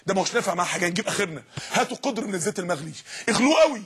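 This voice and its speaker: A man with an Egyptian Arabic accent voicing a cruel old king who gives low, cold commands. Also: expressive, rapid-fire, fairly bright tone, breathy edge, heavily acted. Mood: menacing.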